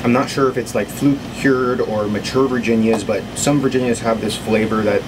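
A man in his thirties hosting a casual, unscripted chat to camera, pausing often as he talks. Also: medium pitch. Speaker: video host, pipe maker. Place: small indoor cluttered workshop. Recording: steady background hum and noise.

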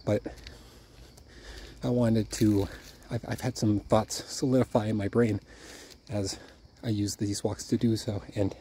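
A man's voice: fairly low pitch, flat delivery, unhurried, warm tone, a little hiss or hum. A man talking through his thoughts in a casual vlog while out walking at night, a bit out of breath, rambling with restarts. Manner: rambling, thinking aloud with restarts. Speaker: YouTuber. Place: outdoors at night on a walk.

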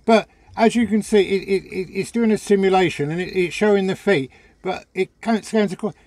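An older man talking casually to camera about his boat gear, chatty and rambling, stumbling and repeating words as he goes, filmed on a phone in a small boat cabin. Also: high voice. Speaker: sailing vlogger. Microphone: phone camera at arm's length.

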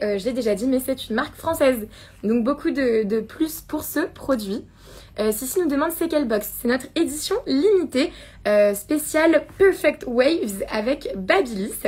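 A high-pitched woman hosts a relaxed live stream. She chats easily, giggles often and reads viewer comments out loud as she goes. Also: breathy edge. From France. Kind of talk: casual live unboxing chat.

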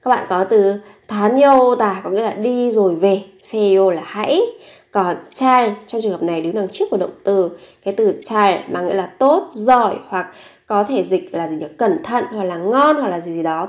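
A woman who teaches Korean phrases, repeating each one slowly and then explaining it. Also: mid-range voice. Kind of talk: bilingual language lesson.

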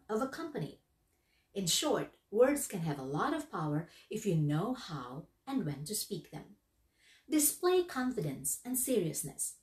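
Woman, instructor, animated pitch, echoey room, far from the mic. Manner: lively, emphatic, instructive. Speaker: workplace skills instructor. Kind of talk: instructional narration.

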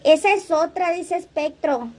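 High-voiced chatty woman streaming live. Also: a little slow, darkish tone. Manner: chatty, laughs often, reads comments aloud. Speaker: livestream host. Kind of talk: casual livestream chat reading comments.

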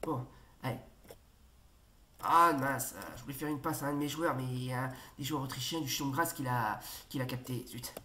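A woman hosting a football video game let's play, commentating excitedly, shouting at the referee and hesitating often. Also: very deep voice, normal speed. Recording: roomy echo, faint noise.

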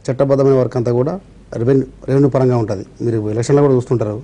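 A man's voice: mid-range voice, fairly even intonation, rapid-fire, dark tone. A man with a Telugu accent, a revenue officials' representative on a TV debate, explaining measuredly and citing laws and history.

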